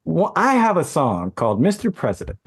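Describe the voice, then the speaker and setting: A man's voice: a little high, wildly swooping pitch, brisk, husky, no room sound, studio quality. A man, a hip hop artist, chatting casually as a podcast guest, informal and repeating words for emphasis.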